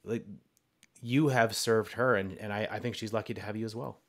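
A man hosting a podcast conversation, speaking in slow, deliberate, affirming phrases. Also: fairly low pitch, steady tone, fairly bright tone. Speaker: podcast host. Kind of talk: conversational interview.

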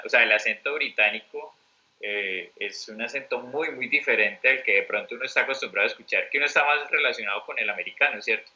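A man's voice: medium pitch, bright, forceful tone, low-quality recording. A Colombian man telling travel stories as an interview guest, rambling with many fillers and restarts. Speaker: interview guest, mentor teacher. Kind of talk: conversational interview storytelling.

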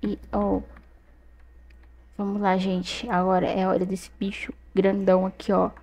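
A young Brazilian woman commenting casually on her gameplay, chatty and excitable, often exclaiming to her viewers at a desk mic. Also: mid-range voice, unhurried, creaky. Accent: Brazilian Portuguese. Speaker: gaming youtuber.

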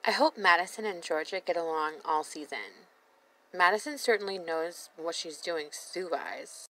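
A woman's voice: on the low side, normal speed, pushed and bright, low-quality recording. Sassy, blunt woman commentator. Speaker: reaction video host. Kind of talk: voice-over commentary on a reality show.

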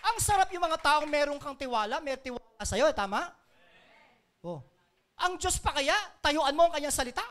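A pastor from the Philippines preaching a Sunday sermon, swinging between soft asides and loud declarations, mixing in English phrases and chuckling between points. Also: high-pitched, lively intonation, moderate pace. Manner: mixes English phrases into the talk.

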